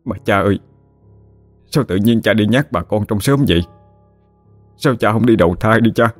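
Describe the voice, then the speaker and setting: A man's voice: on the low side, normal speed, dry recording, soft background music, voice pushed up, close to an everyday voice. A man voicing a grieving, pleading grown son with a Southern Vietnamese accent. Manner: tearful, pleading.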